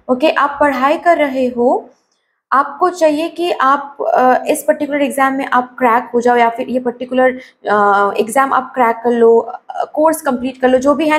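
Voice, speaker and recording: High-voiced woman with a sore throat. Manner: advising, mixes English phrases, keeps asking "okay?". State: sore throat, slightly hoarse. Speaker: tarot card reader. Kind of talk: tarot reading addressed to viewers.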